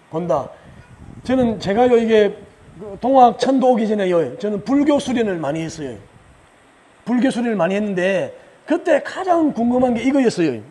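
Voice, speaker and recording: A man lectures at a religious retreat in a high voice that swoops up and down. His tone is mellow and a little husky. He keeps asking the room questions, answers them himself, and chuckles along the way. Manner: chuckles often while he explains. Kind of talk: lively spoken lecture.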